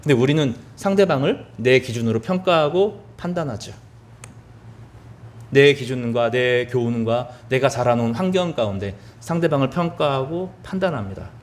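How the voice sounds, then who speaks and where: A man's voice: mid-range voice, normal speed. A male pastor giving a sermon, asking the congregation questions and answering them himself, repeating words for emphasis.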